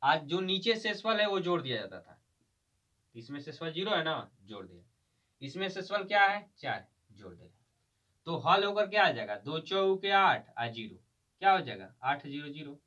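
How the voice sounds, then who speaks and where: A man's voice: fairly high pitch, sing-song, normal speed, pushed and bright. A man teaching a math class, quizzing students with repeated questions and spelling out terms letter by letter. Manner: drills terms with call-and-response questions. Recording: distant dull lo-fi recording.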